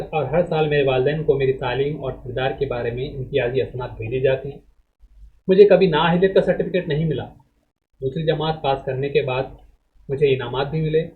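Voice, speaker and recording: A male teacher reads a text aloud to students and explains it, speaking in a measured lecturing way. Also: medium pitch. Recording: phone-like narrow band audio.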